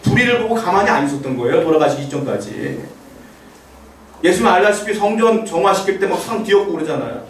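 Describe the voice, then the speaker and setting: A man's voice: high voice, animated, fast talker, roomy sound, distant mic, a little hiss or hum, low-quality recording. A male pastor preaching a sermon in a conversational way, asking the congregation rhetorical questions and acting out the quotes he tells.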